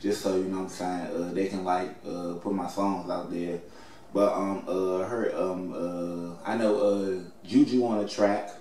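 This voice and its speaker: A man's voice: low voice, little pitch movement, unhurried, warm tone. A man with a Washington DC accent chatting casually in an interview, very slangy, peppering his talk with filler catchphrases. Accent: Washington DC area. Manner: slangy, with "you know what I'm saying" as a constant verbal tic. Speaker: interviewed rapper. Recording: echoey room, distant mic, faint noise.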